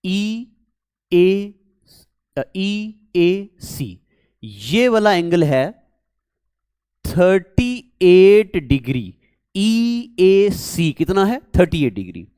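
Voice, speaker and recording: Working through a maths problem, a male teacher coaxes the class, repeats his words and puts questions to the students. His voice sits high and a little mellow, and the clean studio recording has no echo.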